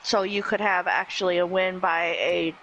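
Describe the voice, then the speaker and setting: A co-commentator on a simulated wrestling match who often murmurs agreement and explains the rules in a relaxed way. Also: medium pitch, moderate pace, muffled recording, slight background noise. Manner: laid-back, agreeable, with many short murmured acknowledgments.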